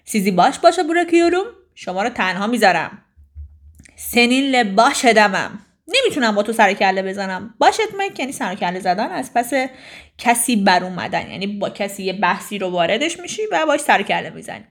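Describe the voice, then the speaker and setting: A young woman teaching a language lesson, saying each phrase aloud and explaining it for the listener to repeat. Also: mid-range voice. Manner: lively, models phrases for repetition.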